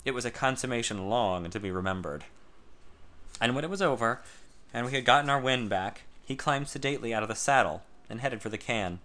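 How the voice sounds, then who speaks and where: A man reads a first-person story aloud. His voice is bright and forceful, and his delivery is measured and intimate. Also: medium pitch.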